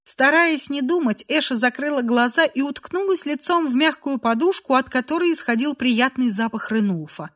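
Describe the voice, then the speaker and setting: A woman's voice: high voice, animated, normal speed, hardly any pauses, a bit bright. A woman narrating a romance novel in a dramatic reading style. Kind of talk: audiobook narration.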